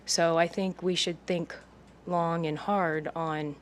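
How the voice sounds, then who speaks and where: A woman's voice: on the low side, fairly even intonation, takes it slowly, slight background noise. A woman giving informal public comment as a resident at a hearing.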